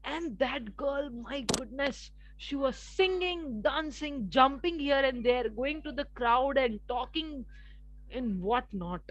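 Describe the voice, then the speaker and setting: A woman with an Indian English accent giving a workshop on communication in an expressive way, acting out contrasting voices, in what sounds like an online video session. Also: high voice, slow pace, slight background noise, poor audio. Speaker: communication trainer. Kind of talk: live workshop lecture.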